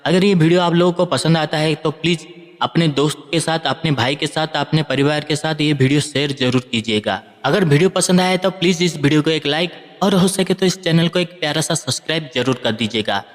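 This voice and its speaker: A man's voice: fairly high pitch, a little fast. A man narrating a moral story in an earnest way, addressing listeners as friends, with a long hall reverb on the recording.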